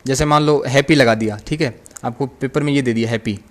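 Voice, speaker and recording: Speaking fast in a mid-range voice, a man delivers a recorded online lecture on English grammar in Hindi. He repeats every point and answers his own questions.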